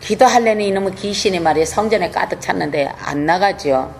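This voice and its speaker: A woman's voice: lowish voice, fairly quick, vocal fry, noisy background. A woman pastor giving an emphatic, colloquial sermon.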